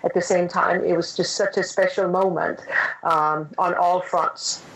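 Hesitant woman, low voice. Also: steady tone, slightly rough, rough recording. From Denmark. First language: Danish. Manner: halting, many hesitations and restarts. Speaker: podcast guest. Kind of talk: reflective storytelling.

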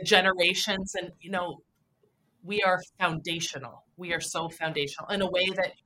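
A woman's voice: on the low side, steady tone, normal speed, pushed and bright. A woman hosting a podcast interview, enthusiastic and emotional, laughing often. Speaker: podcast host.

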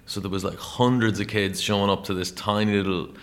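An Irish man in his thirties, a musician, telling stories in a rambling, animated way with lots of "like". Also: on the low side, fairly quick. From Ireland. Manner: rambling, animated storyteller with many "like"s. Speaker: guest, musician. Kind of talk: casual storytelling interview.

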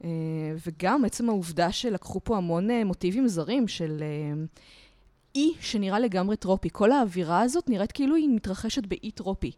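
A talkative woman sits as a podcast guest and explains things at length, animated and sure of herself. Her voice sits at a middle pitch. The recording is dry and close, with no room sound. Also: no echo. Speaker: guest lecturer on culture history. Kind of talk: podcast interview.

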